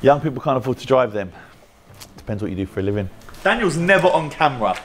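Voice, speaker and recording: A fast-talking British man in his thirties, owner and host of a car wrap shop, jokes his way around his large, bright indoor workshop, chatting with staff. His mid-range voice swings widely in pitch and carries a British English accent, with slight background noise.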